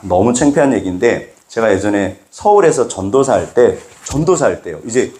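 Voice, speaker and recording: A middle-aged man preaching a sermon as pastor, acting out little dialogues with sudden jumps in pitch. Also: animated, normal speed, warm tone, reverberant. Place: church sanctuary.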